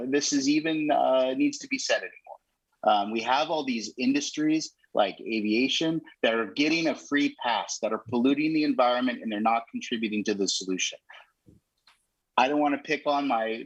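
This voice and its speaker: Blunt man, husky voice, dull audio. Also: medium pitch, no room sound. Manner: blunt, insistent, restarts often. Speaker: panel guest. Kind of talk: remote panel interview. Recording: dull, dry lo-fi remote audio.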